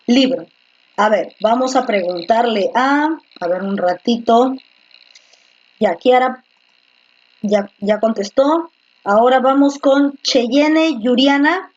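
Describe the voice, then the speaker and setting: A woman's voice: fairly high pitch, slow. A woman teacher giving an online class, patiently repeating words and quizzing her students, heard through a computer microphone. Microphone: computer microphone in a video class. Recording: slightly muffled lo-fi audio.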